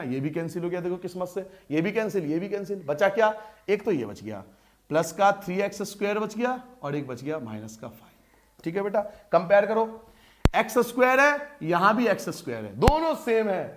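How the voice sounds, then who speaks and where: A man teaching a maths lesson at a board, talking in a lively, coaxing way and asking and answering his own questions. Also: sits high, noisy background.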